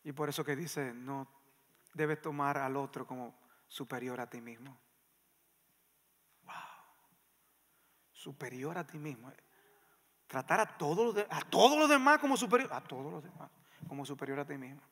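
A male pastor preaching a sermon in a church, emphatic and swinging between loud passages and hushed ones. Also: fairly high pitch, animated, moderate pace, pauses often. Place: church sanctuary. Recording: long reverb of a church hall.

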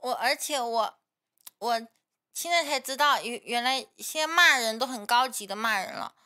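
A young woman livestreamer chatting casually to viewers, her speech slightly impeded and halting from a swollen face. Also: fairly high pitch, sharp tone. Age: young adult. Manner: slow, halting speech for now. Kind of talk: casual chat with live viewers. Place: small indoor streaming room. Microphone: close condenser mic on boom arm.

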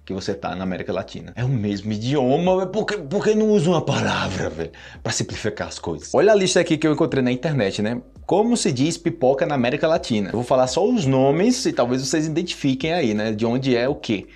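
A man's voice: mid-range voice, big pitch swings, fast talker, a little mellow, breathy edge. A man from Brazil with a Brazilian Portuguese accent, giving a casual, playful video lesson and acting out sounds as he explains words. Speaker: Portuguese teacher.

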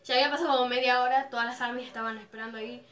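A woman telling a giddy, animated story to her camera. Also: a little high, rapid-fire. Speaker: vlogger. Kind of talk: storytime about a dream.

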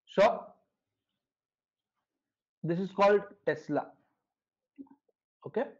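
A man's voice: high voice, very slow, a little mellow. A man with a North Indian accent teaching physics in a live online lesson, often checking understanding with short tag questions. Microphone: online video call. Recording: dull, lo-fi online class audio.

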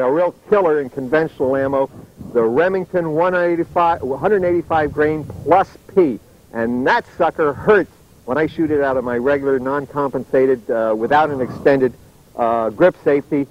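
A man's voice: on the high side, normal speed. A middle-aged man giving a casual, wry firearms demonstration to camera as a gun writer, rambling like an enthusiast and heavy with jargon. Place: outdoor shooting range. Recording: dull, noisy outdoor video sound.

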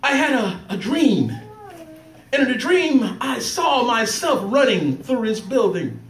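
High-voiced man preaching in an echoey church. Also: very animated, measured pace, slight background noise. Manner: emotional, fervent, laughs while telling stories. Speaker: preacher giving a trial sermon. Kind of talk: testimony sermon. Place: church sanctuary. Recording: echoey church recorded from a distance. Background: congregation calling back responses.

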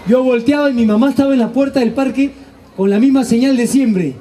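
A man telling stand-up stories on stage, animated, slangy and crude. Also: very high-pitched, brisk, a faint crowd. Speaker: stand-up comedian. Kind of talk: stand-up storytelling. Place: live stage show.

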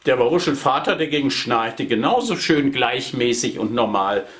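A man's voice: mid-range voice, animated, normal speed, fairly bright tone. A man reading a children's book aloud and inviting young listeners to join in. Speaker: storybook reader for children.

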